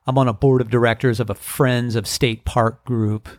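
A middle-aged man hosting his own podcast, talking in a relaxed, reflective, unhurried way with frequent ums and uhs. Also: mid-range voice, dry recording, studio quality. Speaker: podcast host. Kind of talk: casual solo podcast monologue.

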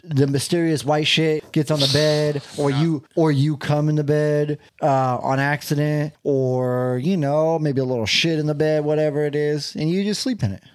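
A man's voice: a little high, steady tone, moderate pace, few pauses, no room sound, clean studio sound. A man hosting a podcast in casual, profane banter, talking like a frat bro with lots of swearing and "dude". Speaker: podcast host.

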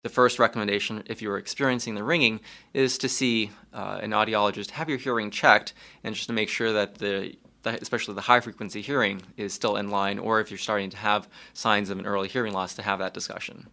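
A man explaining ear health as a doctor on a podcast, calm and measured, with small restarts. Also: on the low side. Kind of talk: explaining medical facts.

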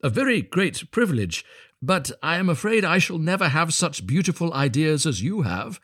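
A man's voice: a little high, big pitch swings, normal speed, fairly bright tone, husky, no echo, clean studio sound, pitched above the performer's own voice, exaggerated voice. A man voicing a shy, timid, humble little man in a storybook, apologetic and hesitant, eager to please. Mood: humble, admiring. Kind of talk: storybook character voice.

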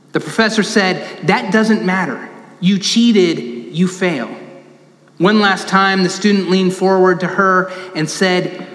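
A man's voice: high voice, a bit bright. Man preaching in a reverberant church. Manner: storytelling, emphatic repetition. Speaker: pastor. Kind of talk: sermon. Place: large church sanctuary.

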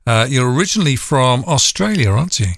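A man hosting a music podcast, chatting easily with his guest in a relaxed way, with some fillers. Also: mid-range voice, a little fast, gravelly, dry recording, clean studio sound. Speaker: podcast host and broadcaster. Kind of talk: friendly interview chat.

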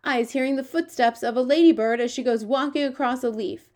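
An earnest, big-hearted giant from a children's storybook, acted out by a woman. He speaks in a raised, high-set pitch for a giant, with proud wonder and quaint, muddled grammar. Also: brisk, a little mellow, close to an everyday voice. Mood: boastful wonder. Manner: ungrammatical, quaint invented words, wonder-filled.

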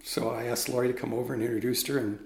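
A man's voice: medium pitch, quick pace. A middle-aged man, a ministry leader, telling a story in conversation and acting out the dialogue. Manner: animated, reenacts dialogue. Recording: roomy echoey room.

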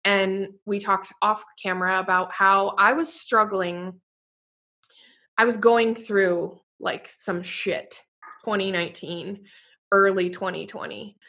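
A podcast host who also owns a fitness business chats casually and from the heart, sounding earnest and effusive. Her bright, forward voice has a middling pitch and fairly even intonation, and she takes her time, frequently dropping "like" and the odd swear word.

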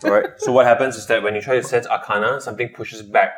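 A man narrating a tabletop game as game master, halting and restarting often and laughing a lot. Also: on the low side, fairly even intonation, a little hiss or hum.

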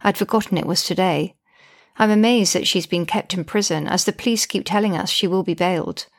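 Woman, slightly low pitch, personal narration, indignant, wry. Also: brisk. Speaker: podcast narrator, mother. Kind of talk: reading a personal diary-style account.

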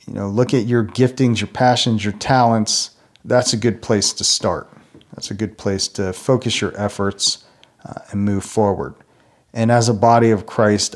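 A man in his thirties giving an earnest, reflective personal talk to a church audience, unhurried and full of small fillers and restarts. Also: lowish voice, fairly even intonation. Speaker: church ministry speaker.

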